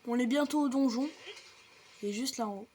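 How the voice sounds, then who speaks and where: High-voiced woman chatting through gameplay. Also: a little fast, darkish tone, a little hiss or hum. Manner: chatty, swears lightly, explains steps to viewers. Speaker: gaming video creator. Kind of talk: casual gameplay walkthrough commentary.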